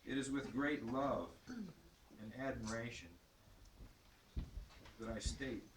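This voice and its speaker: A man's voice: mid-range voice, slow pace. Man giving a speech, echoey and distant. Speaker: knight giving a testimonial speech. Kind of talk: personal ceremonial speech to an assembly. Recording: echoey, distant mic, noisy, clicks.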